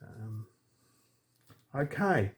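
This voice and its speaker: A man's voice: fairly low pitch, very animated, drawn-out words. A man hosting a casual crafting tutorial, chatty and thinking aloud as he works. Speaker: crafting channel host.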